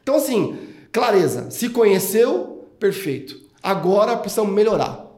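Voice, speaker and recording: Joking host in a roomy space. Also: male voice, high-pitched, very animated, a little mellow. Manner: joking, expansive, quick. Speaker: podcast host. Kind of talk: casual podcast chat. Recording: roomy echo.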